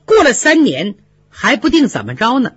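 A storyteller voicing a proud, defiant young maidservant who speaks in an indignant, sharp-tongued way. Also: medium pitch, wildly swooping pitch, moderate pace, husky, dry recording, exaggerated voice. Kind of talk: storytelling with voiced characters. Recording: dry, slightly dull lo-fi recording.

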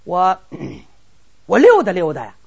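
A woman's voice: fairly low pitch, huge pitch swings, slow pace, gravelly, darkish tone, husky, voice pushed down, heavily acted. A woman voicing a hot-tempered, brash young nobleman who talks bluntly and bossily, on a dull lo-fi recording. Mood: blustering. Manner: blunt, threatening, bossy.

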